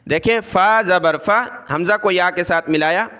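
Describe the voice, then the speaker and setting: A man teaching Quran recitation, slowly chanting verses and breaking them into letters with quick spoken instructions. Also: high voice, sharp tone, clean tone. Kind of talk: slow recitation lesson with spoken explanations.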